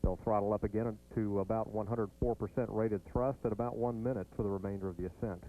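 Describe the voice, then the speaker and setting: An American man delivering formal, measured mission control commentary from a script. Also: fairly low pitch. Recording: thin phone-like broadcast line.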